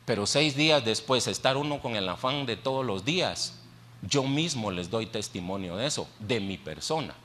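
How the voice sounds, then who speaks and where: A man's voice: medium pitch, lively intonation, moderate pace, fairly bright tone, slight background noise. A male pastor preaching a sermon in a church, talking conversationally, putting questions to the congregation and repeating phrases for emphasis. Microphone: handheld microphone.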